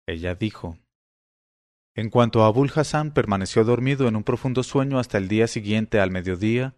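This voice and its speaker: A man's voice: on the low side, brisk, a little mellow, no room sound, studio quality. Man narrating an old tale. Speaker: storyteller. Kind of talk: storybook narration read aloud.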